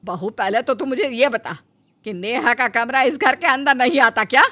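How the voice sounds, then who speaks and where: A woman's voice: on the high side, moderate pace, sharp tone. A woman voicing a stern, bossy middle-aged mother-in-law who scolds and gives orders in a cartoon story. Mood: scolding. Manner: scolding, commanding. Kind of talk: Hindi cartoon story voice acting.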